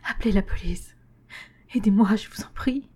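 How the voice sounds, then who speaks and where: A woman's voice: medium pitch, normal speed, darkish tone, natural voice. A woman voicing a terrified ordinary man who pleads and sobs in a story reading. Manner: pleading, panicky, tearful.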